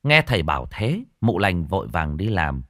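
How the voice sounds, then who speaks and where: A man narrating a ghost story in a lively, expressive way. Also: low voice, moderate pace, no room sound, clean studio sound.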